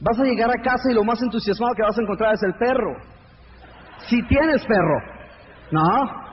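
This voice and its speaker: A man giving an energetic motivational seminar to a live audience, joking and firing rhetorical questions at the crowd. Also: extremely high pitch, normal speed. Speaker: motivational speaker. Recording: echoey hall, dull lo-fi sound, faint noise.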